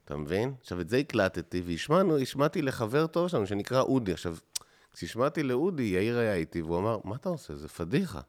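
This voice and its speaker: An Israeli man, a musician guest on a casual podcast, telling stories and acting out other people's lines. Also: mid-range voice. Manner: animated storyteller who acts out other people's lines.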